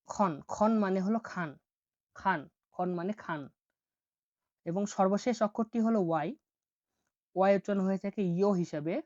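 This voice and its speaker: A woman teaching a language lesson, slowly repeating each example word several times. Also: fairly low pitch, warm tone, no echo, lo-fi sound.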